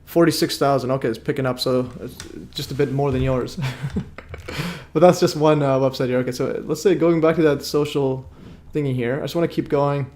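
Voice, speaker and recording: A man hosting a livestream, born in Iraq, sounding a bit tired. His voice sits at an ordinary mid pitch. He rambles through his points with fillers and false starts. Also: steady tone, brisk, darkish tone. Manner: rambling, many fillers and restarts. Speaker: livestream host. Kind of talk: casual livestream chat.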